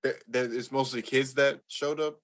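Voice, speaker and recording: A man's voice: mid-range voice, fairly even intonation, moderate pace, fairly bright tone. A man hosting a podcast, chatting casually with friends in a laid-back, profane way. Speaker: podcast host. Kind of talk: casual chat.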